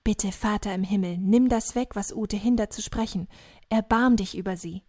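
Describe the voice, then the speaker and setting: A woman reading an audiobook, voicing a husband who is a doctor, earnest and measured. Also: medium pitch, dark tone, lightly acted. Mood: praying. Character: husband and doctor, shaken but steady.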